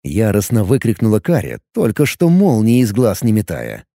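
A man narrating a novel in a measured, expressive reading. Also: on the low side, creaky, dry recording, clean studio sound. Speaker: audiobook narrator. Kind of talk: scripted narration.

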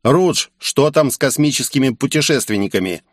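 A man's voice: mid-range voice, lively intonation, moderate pace, dry recording, studio quality, voice pushed up, lightly acted. A man voicing a scheming, ruthless male terrorist leader who sneers and barks orders in an audiobook. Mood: commanding. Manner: sneering and commanding.

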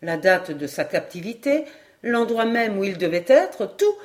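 A woman reads a classic adventure novel aloud in clear, measured narration. She keeps a steady storytelling voice with an even middle pitch. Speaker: audiobook reader.

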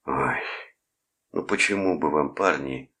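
A man voicing a tired older cinema usher who talks slowly and wearily. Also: extremely low pitch, sharp tone, heavily acted. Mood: weary. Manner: slow, weary.

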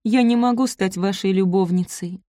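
A woman reading the part of a proud young maid, hurt but firm, her voice lifted higher and tense. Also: normal speed, no room sound, clean studio sound, lightly acted. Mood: defiant. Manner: higher and tense, sometimes quiet.

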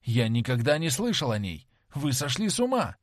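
A man voicing a young gentleman in an audiobook, tense and urgent in his speech. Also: mid-range voice, very animated, moderate pace, no echo, clean studio sound. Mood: frightened. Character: young gentleman, frightened then cold and haughty.

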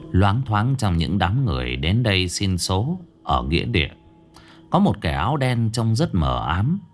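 A man's voice: big pitch swings, measured pace, a little hiss or hum. A man narrating a ghost story dramatically, dropping his voice for suspense. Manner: dramatic, drops pitch for suspense. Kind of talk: scripted narration. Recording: faint background music.

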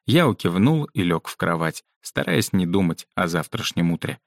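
A man narrating a children's book aloud in an expressive way, giving each character a voice. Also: deep voice, moderate pace, vocal fry, no echo, studio quality. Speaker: audiobook narrator.

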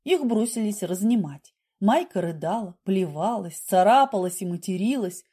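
A woman narrating an audiobook in an expressive reading style. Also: mid-range voice, normal speed, breathy edge.

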